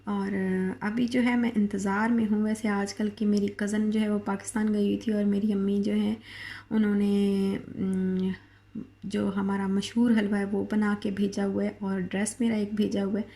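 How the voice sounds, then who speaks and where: A woman's voice: medium pitch, level tone, normal speed, dark tone. A middle-aged woman from Pakistan with a Pakistani Urdu accent and a sore throat, chatting in a casual home vlog from her kitchen with many fillers and restarts. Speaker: vlogger.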